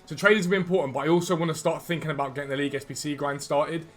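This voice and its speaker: A man's voice: on the high side, fairly even intonation, very fast, fairly bright tone. A man who cannot pronounce his R's properly, saying them like w, hosting a casual, chatty gaming video and talking straight to viewers. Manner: chatty, informal, addresses viewers directly. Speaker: gaming YouTuber and host.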